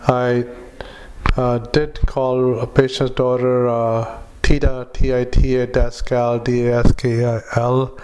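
Man dictating into a dictaphone, monotone. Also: medium pitch, smooth. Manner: halting, many pauses and fillers, reads out punctuation. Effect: dictaphone recording. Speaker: physician dictating a patient note. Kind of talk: medical dictation into a recorder.

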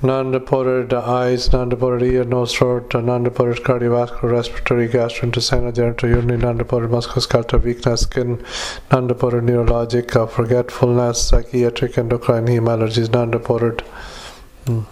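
Man dictating into a dictaphone, monotone. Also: mid-range voice. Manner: halting, many pauses and fillers, reads out punctuation. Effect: dictaphone recording. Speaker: physician dictating a patient note. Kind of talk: medical dictation into a recorder.

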